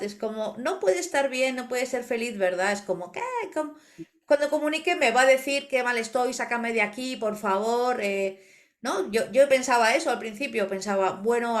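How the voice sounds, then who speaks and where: Una mujer con acento de España que conversa en un pódcast y narra anécdotas con viveza. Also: female voice, a little high. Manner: animated storyteller, acts out quoted voices. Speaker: podcast co-host, animal communicator. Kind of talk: casual podcast conversation.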